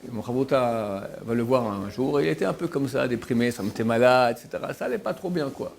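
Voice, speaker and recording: A man's voice: mid-range voice, fast, gravelly. A man, a rabbi, giving an informal sermon, telling stories and acting out the quotes with many restarts. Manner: animated storyteller, acts out quotes, many restarts. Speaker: rabbi teaching a Torah class.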